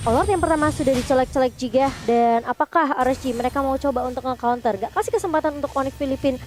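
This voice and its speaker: A woman's voice: high-pitched, quick pace, darkish tone. An Indonesian woman giving running commentary and analysis on an esports match. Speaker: esports shoutcaster.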